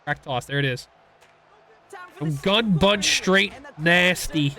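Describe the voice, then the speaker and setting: A young man giving casual, excitable commentary while playing a football video game, rambling and reacting loudly to big plays. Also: fairly high pitch, slow pace. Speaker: gaming YouTuber.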